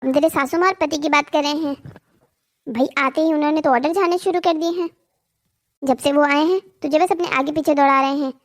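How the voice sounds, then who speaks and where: A voice actor playing an indignant, argumentative young man in a cartoon story, protective of his sister and quick to anger. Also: very high-pitched, fairly even intonation. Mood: defiant. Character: hot-headed protective young brother.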